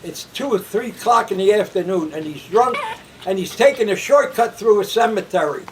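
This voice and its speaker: A man's voice: high voice, expressive, moderate pace, distant mic, background noise. A man telling jokes casually at a family gathering and laughing at his own punchlines.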